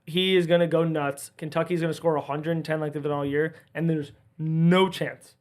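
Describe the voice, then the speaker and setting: A man's voice: fairly high pitch, steady tone, normal speed, darkish tone. A man on a casual sports panel, making emphatic, confident predictions and often talking over the others. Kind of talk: casual group chat.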